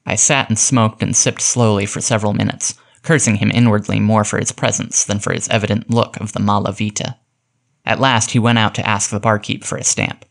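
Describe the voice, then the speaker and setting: Low-voiced man reading a vintage mystery. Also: flat delivery, fairly quick, gravelly, fairly bright tone. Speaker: audiobook narrator. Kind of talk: scripted narration.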